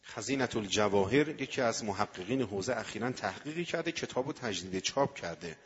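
A man preaching a sermon and telling stories, swinging from hushed speech to loud impassioned calls. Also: lowish voice, lively intonation, slightly rough, long reverb tail, highs cut off. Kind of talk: sermon with storytelling.

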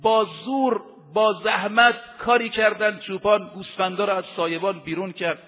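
A man preaching a sermon with emphasis, slowly chanting Arabic quotations. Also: sits high, fairly even intonation. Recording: tinny lo-fi recording in an echoey hall.

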